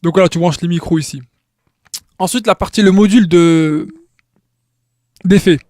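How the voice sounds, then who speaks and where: A man's voice: sits high, moderate pace, warm tone, dry recording, studio quality. A man giving an informal tutorial, explaining step by step with many restarts and checking in with the viewer. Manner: frequent restarts and repeated words. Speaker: tutorial maker.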